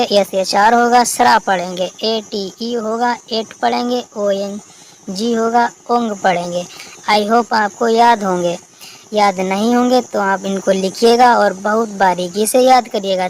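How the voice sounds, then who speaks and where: Slow, patient woman teacher, spelling letters. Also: mid-range voice, slight background noise, poor audio. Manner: spells out letters and asks herself questions, then answers them. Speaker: English teacher. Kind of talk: recorded lesson for learners.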